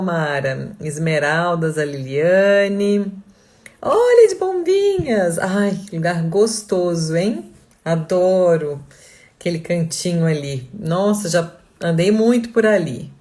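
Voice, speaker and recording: This online course instructor from Blumenau in Brazil's Santa Catarina state speaks at a fairly low pitch, her tone darkish. Greeting her live audience in a relaxed way, she chats, laughs readily, and calls out where each viewer is from along with their name.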